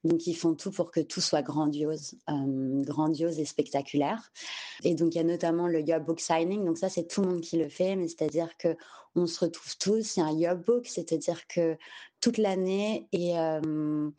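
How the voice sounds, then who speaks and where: A woman from France telling a personal story candidly on a podcast, unhurried and searching for her words, slipping English terms into her French. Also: low-pitched, fairly even intonation, warm tone.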